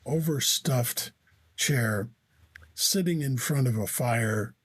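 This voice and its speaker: A man with an American accent, chatting casually in a measured, reflective way. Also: mid-range voice, fairly bright tone, husky. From United States. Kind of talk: casual chat.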